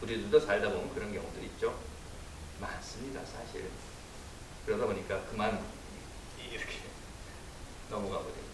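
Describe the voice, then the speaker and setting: A man, a pastor giving a Sunday sermon, telling stories and acting out quoted voices with sudden jumps in pitch and loudness. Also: steady tone, moderate pace, pauses often. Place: church sanctuary. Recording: roomy echo from a distant mic, faint hiss.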